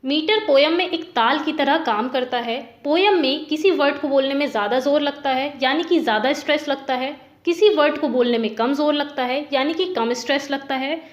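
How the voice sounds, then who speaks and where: Woman, high voice, patient teacher, step-by-step lesson, echoey room. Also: moderate pace, hardly any pauses. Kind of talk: Hindi lesson explaining poetic meter.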